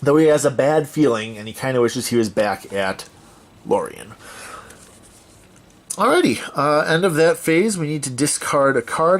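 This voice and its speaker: A medium-pitched man hosts a let's-play of a solo card game, thinking aloud as he reads out card text and correcting himself along the way.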